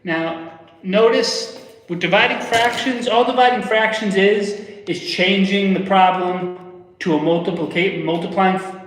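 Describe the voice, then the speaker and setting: A man's voice: sits high, measured pace, fairly bright tone. A young man giving a casual, step-by-step math lesson on a livestream, repeating himself as he explains. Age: young adult. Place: indoor room with whiteboard in a public library. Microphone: phone camera a step away. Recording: echoey room, distant microphone.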